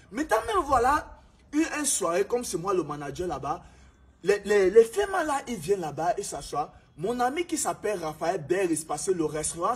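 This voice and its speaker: Repeating himself with preachy emphasis, a young man from Cameroon who manages a restaurant recounts his life as a motivational speech in Cameroonian-accented French. His voice is high-pitched and slightly rough.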